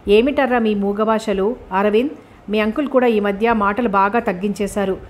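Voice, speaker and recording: A woman's voice: medium pitch, steady tone, lightly acted. Chatty, teasing middle-aged woman, read by a woman in a storybook. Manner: chatty and quick.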